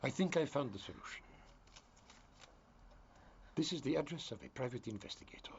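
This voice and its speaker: An actor playing a calculating politician who talks in a smooth, dismissive, controlling way. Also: male voice, medium pitch, animated, normal speed, natural voice. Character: calculating middle-aged male politician, cold and controlling. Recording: dull lo-fi dubbed film audio with faint hiss.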